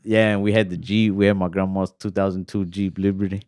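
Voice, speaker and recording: A man's voice: sits low, little pitch movement, brisk, darkish tone, smooth, dry recording, studio quality. A young man hosting a podcast, telling a story in a rambling way full of fillers. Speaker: podcast host.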